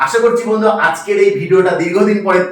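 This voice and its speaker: A man's voice: high voice, fairly even intonation, quick pace. A man teaching an online lesson, repeating each point and quizzing the viewer. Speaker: Bengali language teacher. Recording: echoey room, mic far off.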